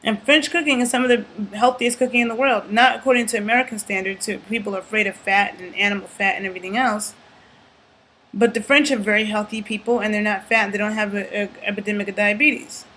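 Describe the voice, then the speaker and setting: A woman giving an earnest, emphatic talk to camera about food, often checking in with "okay?" and pausing to think aloud. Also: medium pitch, fairly even intonation, pushed and bright, slight background noise, rough recording. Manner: thinks aloud with fillers and restarts. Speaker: YouTube commentator. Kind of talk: casual talking-to-camera commentary.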